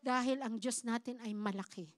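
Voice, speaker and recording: A woman's voice: fairly high pitch, moderate pace, dry recording. A woman pastor preaching a sermon as a personal testimony, acting out quoted dialogue and often calling the congregation brothers and sisters. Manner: addresses the congregation as "mga kapatid"; storytelling with acted-out quoted dialogue. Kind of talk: Tagalog sermon testimony, mixing in English. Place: church.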